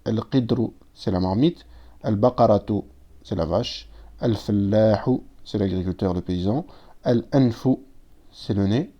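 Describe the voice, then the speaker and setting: A man's voice: on the low side, measured pace, warm tone. A man teaching a recorded language lesson, patiently explaining step by step and reading out words with their translations. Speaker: Arabic teacher. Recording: dull lo-fi sound.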